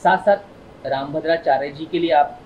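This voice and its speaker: A man's voice: on the high side, fairly even intonation, moderate pace. Guy interviewer, polite probing questions, muffled audio with faint hiss. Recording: dull, slightly noisy.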